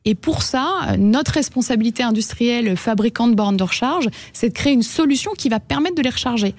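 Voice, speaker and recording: Woman radio guest, slightly high voice, measured, hesitant, dry studio sound. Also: darkish tone, no echo. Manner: measured, explanatory, many hesitations. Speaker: guest, head of an EV charging company. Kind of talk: radio interview, explaining.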